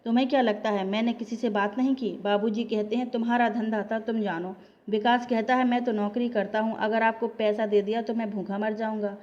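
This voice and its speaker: A woman's voice: fairly high pitch, level tone, fairly quick, a little mellow, lo-fi sound, lightly acted. A woman voicing a blunt, exasperated husband. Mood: despairing. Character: worried husband, blunt young man.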